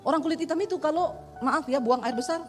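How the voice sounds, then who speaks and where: High-voiced woman pastor preaching in a hall. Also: quick pace. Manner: lively, humorous storytelling, addresses congregation as saudara. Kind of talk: sermon. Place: church hall. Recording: reverberant hall with faint music.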